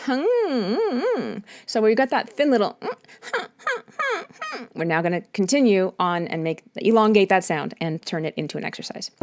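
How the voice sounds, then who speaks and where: Woman, vocal coach, animated pitch, walks through a quiet vocal warmup, demonstrates sounds, soft piano behind.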